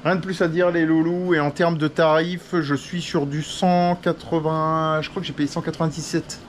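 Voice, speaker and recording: A travel vlogger chats casually to camera from his hotel room, his voice fairly high with little pitch movement at a moderate pace, over a faint hiss or hum. Slangy and talkative, he speaks straight to viewers as "les gars" and "les loulous" and refers to himself by a nickname in the third person.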